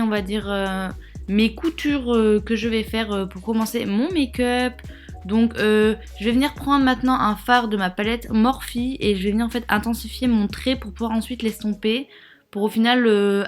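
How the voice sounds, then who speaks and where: Young woman, makeup tutorial voice-over, slightly high, casual and rambling, faint background music. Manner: casual, rambling, lots of fillers and asides. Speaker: beauty vlogger.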